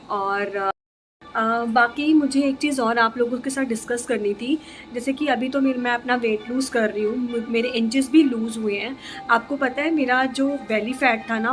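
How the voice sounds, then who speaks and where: Chatty woman vlogger, a bit high. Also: fairly bright tone, slight background noise. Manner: chatty, easygoing, thinking aloud. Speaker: lifestyle vlogger. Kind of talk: casual chat to camera.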